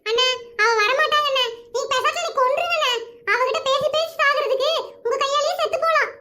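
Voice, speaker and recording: A fussy, dramatic cartoon village woman who scolds and whines nonstop. Her voice is very high, bright and cutting, like a sped-up cartoon. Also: fairly quick, heavily acted. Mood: exasperated. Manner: scolding, comic whining. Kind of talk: animated cartoon voice acting.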